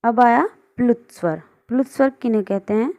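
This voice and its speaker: A woman's voice: a little high, moderate pace, mellow, muffled recording. A woman teaching a grammar lesson online, explaining on screen and patiently asking and answering her own questions.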